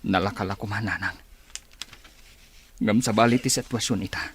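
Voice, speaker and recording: A man's voice: on the low side, moderate pace, fairly bright tone, slight background noise, natural voice. A man playing a troubled, defensive married son with an Ilocano accent in a radio drama. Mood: weary, defensive. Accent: Filipino, Ilocano. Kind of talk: Philippine radio drama acting.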